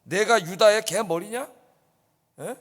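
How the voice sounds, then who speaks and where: A male pastor acting out a proud, angry army commander who defiantly shouts back, heard with long hall reverb. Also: high-pitched, moderate pace. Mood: indignant.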